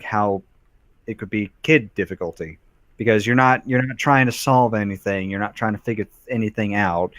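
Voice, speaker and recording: A man's voice: lowish voice, fairly bright tone, no echo. Rambling young man, dry close sound. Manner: rambling, halting, repeats phrases with many fillers. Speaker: co-host of let's play. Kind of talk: casual let's play banter.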